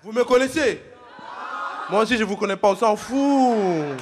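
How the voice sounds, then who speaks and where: A man hosting a TV show, singing and shouting to the audience and teasing them. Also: sits high, animated, normal speed, a crowd in the background, background noise. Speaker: TV show host. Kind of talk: sung and shouted show intro. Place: TV studio with a live audience.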